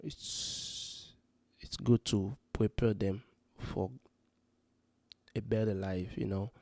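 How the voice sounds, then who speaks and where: This man from Congo offers parenting advice through a casual vlog, rambling sincerely and filling gaps with "you know." His voice is low, creaky, and darkish, with a steady tone and slow pace. A handheld or close mic captures it with no room sound.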